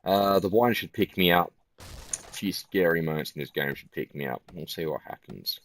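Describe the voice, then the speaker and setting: A tired man giving casual gameplay commentary in a flat, musing way. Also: sits low, moderate pace, slight background noise. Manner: self-described monotone, relaxed and musing.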